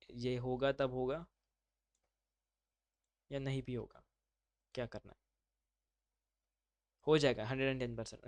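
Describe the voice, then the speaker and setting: A man's voice: medium pitch, no room sound. A man teaching a live online class, talking students through steps in an informal, chatty way. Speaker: instructor.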